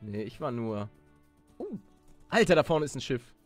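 Over a music track, this gamer speaks at a moderate pace in a medium, sing-song voice while playing through a Minecraft story series. His commentary is relaxed and partly role-played, full of hesitations and repeated words as he urges the action on.

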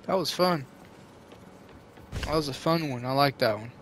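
A man's voice: medium pitch, moderate pace, fairly bright tone, a little hiss or hum. A young man casually commenting while he plays a video game, joking along. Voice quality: laid-back, jokey. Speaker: gaming youtuber. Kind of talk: casual let's-play commentary. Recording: commentary over game music.

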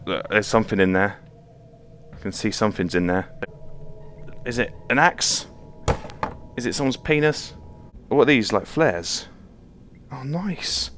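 Unhurried, with long pauses, a man speaks in a fairly bright voice on the low side over a little hiss or hum. He hosts a VR gameplay channel, commenting live on a horror game from his home room floor while jumping, swearing often and laughing nervously.

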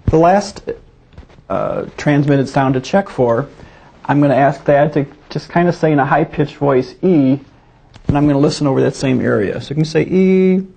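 This teaching demonstration is led by a male physician whose medium-pitched voice sounds husky and gravelly. At a normal speed and in a dark, mellow tone, he walks students through every step in a steady, methodical way.

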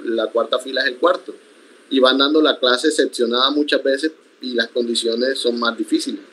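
A young accordionist from the Sierra Nevada de Santa Marta, Colombia, whose first language is Iku, calmly answers questions in a conversational interview over a video call from a room at home. He is measured and reflective, often restarting sentences, with a medium-pitched voice and poor audio.

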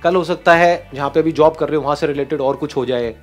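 A man giving an animated, encouraging motivational talk to an audience, often laughing. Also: on the high side, fast talker, soft background music. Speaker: speaker on stage.

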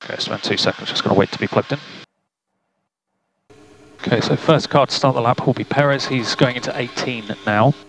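A male race engineer giving calm, terse team radio calls of gaps and instructions to his driver. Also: mid-range voice, a little fast, pauses often, rough recording. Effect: team radio to the driver's car.

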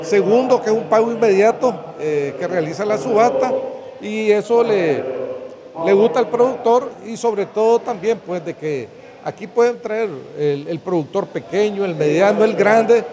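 A man's voice: sits high, animated, moderate pace. A man, speaking spontaneously in a press interview. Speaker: livestock auction interviewee. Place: open hall at a livestock auction. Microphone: handheld press microphones, close. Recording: busy crowd noise behind.

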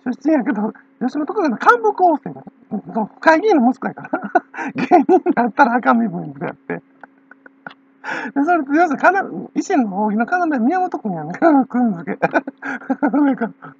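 A woman's voice: high-pitched, very animated, normal speed, gravelly, slightly rough. A woman with a Kansai accent talking in a rambling casual monologue, laughing often between phrases, on a dull lo-fi recording. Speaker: channel owner.

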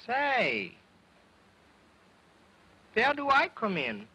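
A man's voice: very high voice, huge pitch swings, very slow, background noise, voice pushed up, full character voice. A man voicing a cheeky, wisecracking male ventriloquist dummy who talks back, in early sound film acting. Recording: dull old film soundtrack with music.

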